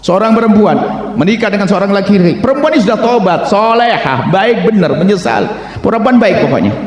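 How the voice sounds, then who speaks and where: A man delivers an impassioned sermon, his fairly high voice rolling around a large hall with a long, ringing reverb. He slips into hushed asides and acts out voices in a story, then builds up to shouting. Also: lively intonation, brisk. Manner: acts out dialogue in a story, swings from quiet to shouting. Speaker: preacher.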